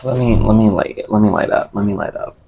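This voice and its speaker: A man's voice: on the low side, a little fast, creaky, mellow, slightly rough. A man chatting casually and rambling to camera in an unfiltered, slangy, sweary way. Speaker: vlogger.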